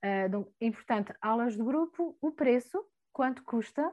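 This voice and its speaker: A woman teaching Portuguese words in a relaxed French lesson, explaining patiently with many fillers and mixing in Portuguese terms. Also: fairly high pitch, normal speed, highs cut off. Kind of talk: language lesson chat.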